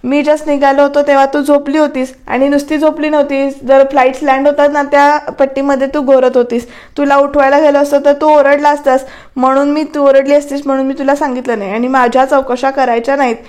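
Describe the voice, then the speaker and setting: A cheeky, breezy young husband, read out by a woman in a serial recap. The voice sits high and light. The delivery is plain retelling, with no studio polish. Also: little pitch movement, brisk, darkish tone, natural voice. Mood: teasing.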